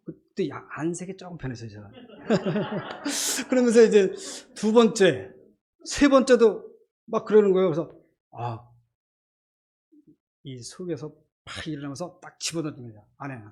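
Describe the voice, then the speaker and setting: A middle-aged man, a church deacon, gives an earnest, halting personal faith testimony during a church service, with many fillers. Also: high voice, very animated, darkish tone, breathy edge. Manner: earnest, halting, many fillers, acts out his inner voices.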